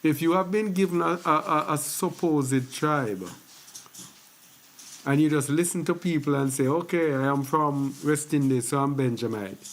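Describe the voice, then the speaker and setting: A man hosting a religious teaching video, speaking casually and repeating points for emphasis. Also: fairly high pitch. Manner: slow, conversational, repeats phrases for emphasis. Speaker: host of a faith teaching channel.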